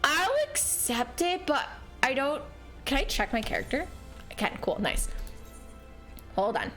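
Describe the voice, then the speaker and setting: Female game streamer, cute and bubbly, very animated delivery, casual chat, music underneath. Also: a little high, unhurried. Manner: bubbly, cute, excitable streamer greetings and exclamations; giggly, apologetic. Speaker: game livestreamer. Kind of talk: casual livestream chat while gaming. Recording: music behind the voice.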